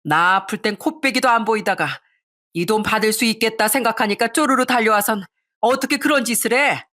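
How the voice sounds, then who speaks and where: A woman's voice: on the high side, fairly quick, a bit bright, pitched above the performer's own voice, close to an everyday voice. A woman reading an angry older mother who scolds her greedy son and daughter-in-law in a raised, indignant voice. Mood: anguished, furious.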